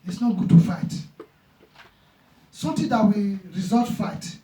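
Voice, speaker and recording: A man's voice: high-pitched, animated, unhurried, dark tone, slight background noise. A man, preaching a sermon with passion, repeating his phrases and acting out conversations. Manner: impassioned, repeats phrases, retells dialogue. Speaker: pastor. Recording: echoey church room, mic far off.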